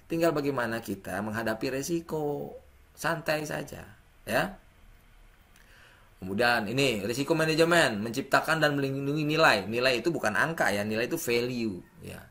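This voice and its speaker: A man giving a classroom lecture, animated and acting out sample messages with wide swings in pitch. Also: normal speed.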